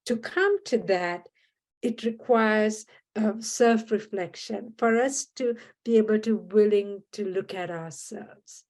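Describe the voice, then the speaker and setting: Her pitch medium and her tone a little mellow, a woman from Sri Lanka talks earnestly and deliberately as a podcast guest in a thoughtful conversation. She frequently starts her sentences over.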